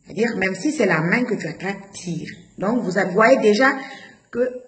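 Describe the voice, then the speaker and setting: A woman's voice: mid-range voice, expressive, a little slow, a bit bright. A woman from Guinea, giving an emotional personal testimony and stumbling and repeating herself as she tells her story. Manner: emotional, repeats "je dis" and stumbles over words. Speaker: interviewee recounting her own childbirth. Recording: roomy echo with faint noise.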